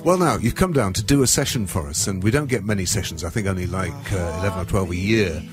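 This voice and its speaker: A man's voice: low voice, animated, fast talker. A man hosting a radio show, introducing and interviewing guests in a conversational way from a studio. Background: music.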